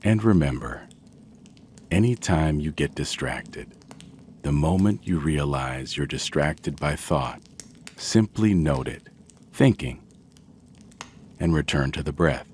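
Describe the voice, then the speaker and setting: A man with a very deep voice narrates a slow, scripted guided sleep meditation. He is gentle and soothing, keeping a measured pace with long pauses, and a little hiss or hum sits under the recording.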